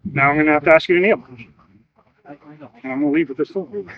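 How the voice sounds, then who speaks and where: Animated man with higher-pitched voice. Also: moderate pace, dry recording, highs cut off. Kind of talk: informal ceremony talk.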